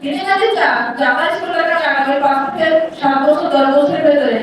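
Meeting speaker: woman, high, lilting, heavy hall echo and noise. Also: fairly quick. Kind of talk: public speech. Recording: distant, echoey hall with noise.

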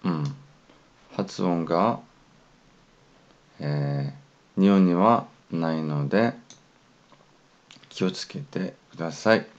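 A man's voice: low voice, slow, long pauses, muffled recording. A man whose first language is Korean, patiently giving a pronunciation lesson and modelling syllables one by one. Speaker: language teacher.

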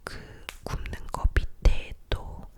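A young woman leaning in close to the microphone to whisper, giving a breathy, unvoiced ASMR chat about her life. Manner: slowly repeats words as soft trigger sounds. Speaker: ASMR video creator.

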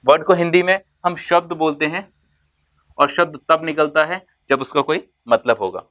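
Man, English teacher, slightly high voice, classroom lesson, rhetorical questions, drawn-out key words. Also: fairly bright tone, highs cut off. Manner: explains in Hindi mixed with English terms, asks and answers his own questions; stretches out words slowly for emphasis.

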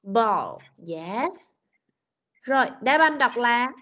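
A woman English teacher with a Vietnamese accent, running an online class and drilling pronunciation with slow, patient corrections. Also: on the high side, sing-song, fairly bright tone. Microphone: computer mic on video call. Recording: dull lo-fi video call audio.

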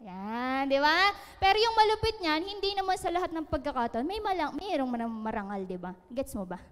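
A woman speaks to a room in a high, bright voice, teasing her listeners and laughing at her own jokes. Her words ring out with a long hall reverb behind them, as in a seminar space. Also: sing-song, brisk. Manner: joking, laughing, asks listeners questions. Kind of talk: lively seminar talk.

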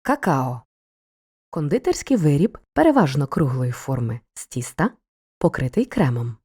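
Low, husky woman narrating a lesson. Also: big pitch swings, mellow. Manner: clear, measured explanations for children. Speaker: teacher. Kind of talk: scripted educational narration.

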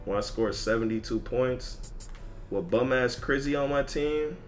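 With music behind him, a video game streamer talks casually on a livestream in a mid-range voice at a measured pace, ranting in slang that is profane and repetitive.

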